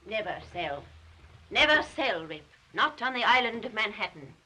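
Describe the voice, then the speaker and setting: An actress playing a domineering, coldly scheming wealthy older sister in a 1930s film melodrama, with an imperious, clipped, insinuating manner. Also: female voice, medium pitch, expressive, moderate pace, bright, forceful tone, slightly rough, rough recording. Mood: haughty, insistent.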